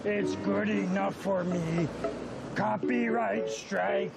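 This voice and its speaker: A man voicing a sweet, cookie-craving puppet monster with a gravelly voice. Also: high-pitched, fairly even intonation, takes it slowly, heavily acted. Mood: greedy, pleading. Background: loud music.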